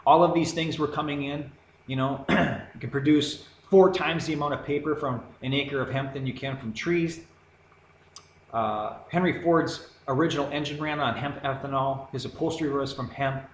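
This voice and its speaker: A man's voice: mid-range voice, fairly even intonation, moderate pace. A man delivering a heated, rambling monologue to camera, sarcastic and insistent. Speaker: video commentator. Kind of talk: ranting monologue. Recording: echoey room with faint background noise.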